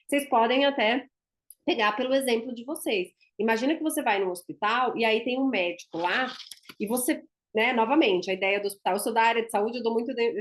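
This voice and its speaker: A woman with a Brazilian Portuguese accent, a dentist teaching a class in a chatty, emphatic way and often tagging her sentences with "né?". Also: on the high side. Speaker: instructor and dentist.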